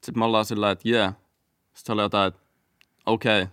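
A man's voice: fairly low pitch, little pitch movement, a bit bright, smooth, no echo, clean studio sound. A young man with a Finnish accent, telling a story in a hesitant, filler-heavy way. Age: young adult. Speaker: podcast guest. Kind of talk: casual storytelling chat.

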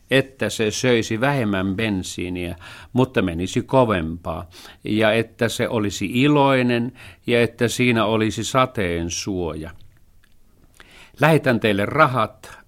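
A man's voice: lowish voice, a bit bright, close to an everyday voice. A man voicing a cheerful, earnest young boy in a storybook reading. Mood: polite.

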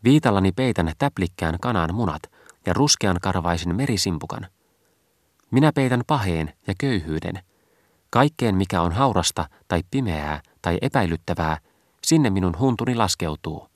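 A man's voice: sits low, lively intonation, dry recording, studio quality. A man voicing Purity, a pale, coaxing maiden figure in a storybook reading, solemn and pleading. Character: Purity, cold pale virgin woman, coaxing.

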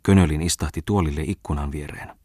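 A man narrating a literary audiobook in a measured, even storytelling manner. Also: very deep voice, no room sound, clean studio sound.

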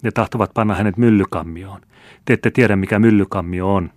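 A man's voice: lowish voice, a little mellow, no echo, natural voice. A man doing a desperate pleading peasant mother. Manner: imploring, raised voice.

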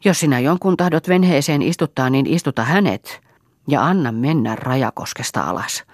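A woman's voice: rumbling low, lively intonation, no room sound, studio quality. A woman voicing a bitter, spiteful old mother-in-law who scolds venomously, in an audiobook.

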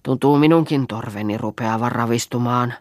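A woman's voice: extremely low pitch, darkish tone, dry recording, clean studio sound. A woman voicing a plucky young farm girl who talks bluntly and jokes.

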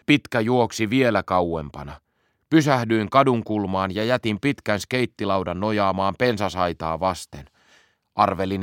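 A man calmly reading a children's story aloud as audiobook narration. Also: lowish voice, clear, resonant tone, no room sound, clean studio sound. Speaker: audiobook reader.

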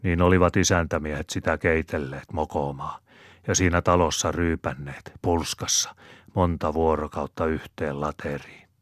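A man's voice: extremely low pitch, steady tone, no room sound, studio quality. A man voicing a bawdy, sly old rustic storyteller who spins his yarn with folksy chuckles. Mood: yarn-spinning.

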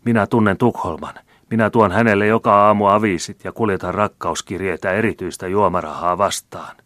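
A man's voice: deep voice, a bit bright, no room sound, clean studio sound, voice pushed up. A man reading aloud and voicing a greedy old male miser who pleads and whines in self-pity. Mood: pleading. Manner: wheedling, self-pitying pleading.

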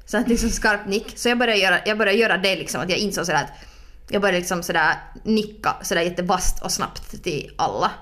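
A young woman co-hosting a podcast in casual, playful chat, full of fillers and quick asides. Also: medium pitch, a bit bright. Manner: chatty, filler-heavy, playful. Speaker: podcast co-host.

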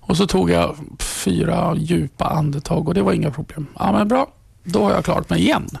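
A middle-aged man from Sweden tells his story in an interview, his voice deeply gravelly and husky. He speaks haltingly, restarting phrases and sinking into whispers. The sound is close and dry, with a fairly high pitch for a man. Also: darkish tone, no echo. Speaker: interviewee, trained ambulance driver. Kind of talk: personal testimony in an interview.

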